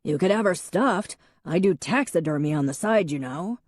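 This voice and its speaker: Woman reading a deadpan middle-aged man, slow, earnest, low dark voice, dry. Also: no echo.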